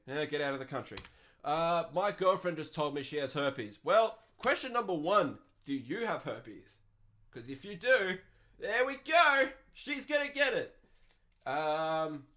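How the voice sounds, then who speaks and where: An Australian man hosting a solo podcast, ranting crudely and cursing, jumping from loud outbursts to muttered asides. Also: on the high side. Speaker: podcast host.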